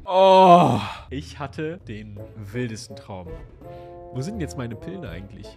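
A man's voice: medium pitch, big pitch swings, a little slow, gravelly, a little mellow. A man commentating a horror game in a let's-play, jumpy and jokey, yelping and exclaiming often. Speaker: gamer. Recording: voice over game music.

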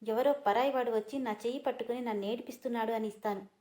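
A woman's voice: fairly high pitch, fairly even intonation, fast, darkish tone, natural voice. A woman reading a story aloud, voicing a proud, hurt young woman who answers back defiantly and through tears. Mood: tearful defiance. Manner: defiant, tearful.

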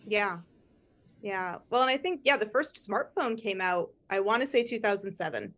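A woman's voice: mid-range voice, animated, moderate pace, a bit bright. A woman hosting a podcast, chatting casually, rambling with frequent laughs and restarts. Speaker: podcast host. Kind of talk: casual chat.

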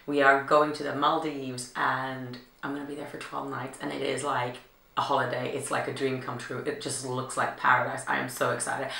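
A young woman vlogging in a chatty, excitable way, her voice hoarse and gravelly from a recent illness. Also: very deep voice, recorded from a distance. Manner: chatty and excitable, many fillers. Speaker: beauty vlogger. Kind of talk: casual vlog chat. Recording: echoey room, mic set back.

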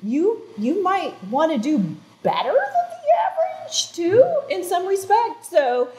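An older woman appears as a wellness guest on a TV studio talk show, earnestly explaining health advice with restarts and fillers like "so" and "um." Her very high voice keeps a measured pace, and she gestures animatedly while a lapel mic records her informative interview talk.

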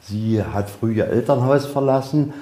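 With a warm tone and medium pitch at a normal speed, a man serves as a museum guide. Inside the museum he tells folksy, informal stories on a guided tour, regularly raising questions and answering them on his own.

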